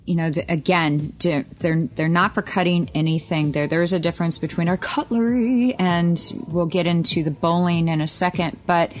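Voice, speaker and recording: A woman's voice: fairly low pitch, fairly even intonation, normal speed, hardly any pauses. A woman co-hosting a casual podcast chat, emphatic and prone to repeating points for stress. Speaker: podcast co-host, witchcraft shop worker.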